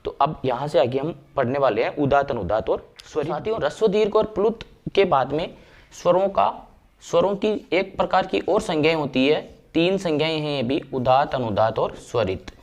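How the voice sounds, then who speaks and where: A man explaining grammar step by step, slowing down to recite verses and sounds. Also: on the high side. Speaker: Sanskrit grammar teacher. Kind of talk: classroom lecture.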